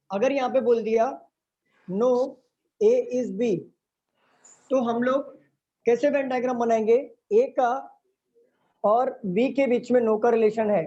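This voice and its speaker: A man's voice: very high-pitched, dark tone. A man teaching a reasoning class in a live online lecture. He explains step by step, keeps quizzing his students, and mixes English terms into Hindi. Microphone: online lecture stream. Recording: dull lo-fi audio with faint noise.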